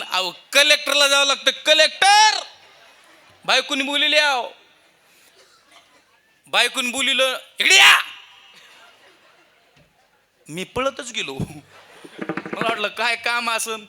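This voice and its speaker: Bright high-voiced man preaching with humor. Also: takes it slowly, pauses often. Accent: rural Marathi. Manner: comic storytelling, acting out voices. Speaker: kirtan preacher. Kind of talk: humorous devotional sermon. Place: temple festival stage.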